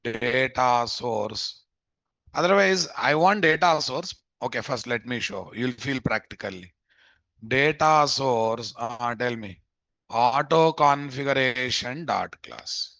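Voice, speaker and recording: A man's voice: a little high, creaky, sharp tone, dry recording, muffled recording. A man with a Telugu Indian accent teaching a live coding lesson as an informal instructor, repeating phrases and checking understanding with questions. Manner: informal, addresses learners familiarly. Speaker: programming instructor.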